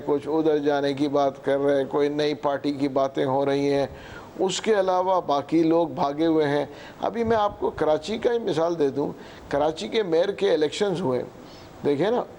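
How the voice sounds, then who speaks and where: A man in his sixties with a Pakistani Urdu accent, answering as a political guest in slow, halting sentences full of fillers, often clearing his throat. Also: fairly high pitch, dark tone, a little hiss or hum. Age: 60s. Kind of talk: hesitant interview answers.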